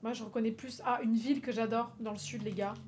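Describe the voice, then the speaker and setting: A woman from France chatting on a livestream, animated and swearing freely, laughing often and slipping in English phrases. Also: fairly high pitch, fast talker, a little hiss or hum. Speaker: streamer. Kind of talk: casual livestream chat.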